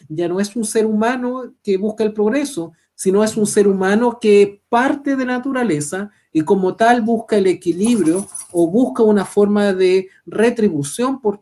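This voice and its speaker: A man with a Chilean accent co-hosting a literary program, explaining a novel in a steady, explanatory way. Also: sits high. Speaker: co-host. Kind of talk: literary discussion.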